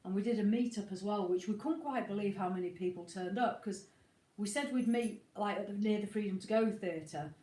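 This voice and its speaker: Fairly quick and medium in pitch, a woman's slightly snotty voice gives away her cold as she co-hosts a motorhome livestream from home. She's chatty and rambling, greeting viewers with warmth. Her iPad picks up a roomy indoor echo.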